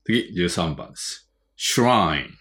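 A man with a Japanese accent teaching an English vocabulary lesson. He reads each word twice, then explains it slowly. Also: deep voice, very animated, a bit bright.

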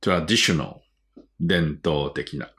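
Low-voiced Japanese man teaching vocabulary. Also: big pitch swings, a bit bright. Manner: reads each word twice, then explains slowly. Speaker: English teacher. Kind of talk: vocabulary lesson.

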